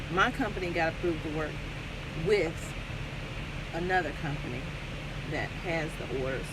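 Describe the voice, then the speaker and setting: A woman vlogging in a car, telling casual, colloquial stories and chatting while she eats. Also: on the low side. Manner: colloquial, emphatic with repetition. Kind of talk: casual storytelling mukbang chat. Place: inside a car. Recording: loud vehicle and air-conditioning noise.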